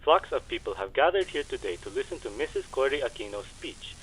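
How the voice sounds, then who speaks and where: A man's voice: medium pitch, lively intonation, brisk, fairly bright tone, a little hiss or hum, lightly acted, rough recording. A man playing a 1980s radio news reporter, speaking in a formal, declamatory announcing style from a rally. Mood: solemn, urgent. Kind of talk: scripted news report acting.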